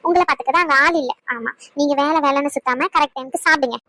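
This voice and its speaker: Very high-voiced woman voicing a young wife. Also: quick pace, sharp tone. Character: young wife, teasing and scolding. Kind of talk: cartoon voice acting, several roles.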